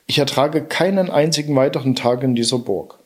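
A man's voice: mid-range voice, fairly quick, close to an everyday voice. A man voicing a desperate enchanted harp. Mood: pleading. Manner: sung-spoken verses. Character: enchanted singing harp, female, captive and desperate.

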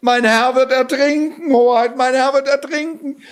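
A cunning tomcat from a read-aloud fairy tale, all bows and flattery, played by a man. He begs and fawns in a high, lively voice that leaps about, laying on his humility thick. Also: takes it slowly. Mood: frantic pleading. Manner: flattering, theatrically pleading. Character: sly fawning tomcat, cunning schemer.

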